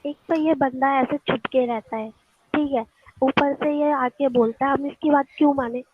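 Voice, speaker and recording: A woman arguing defensively in a heated live debate, protesting quickly. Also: high voice, fairly even intonation, phone-quality sound. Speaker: debate caller.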